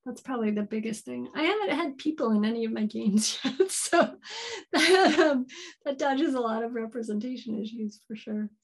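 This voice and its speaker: Lady game designer answering q&a over a video call, kinda high voice, keeps restarting her sentences. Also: lively intonation, moderate pace. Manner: thoughtful, hedging, restarts often. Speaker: keynote speaker, board game designer. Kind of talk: live Q&A answers. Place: home office with shelves. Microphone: video call webcam.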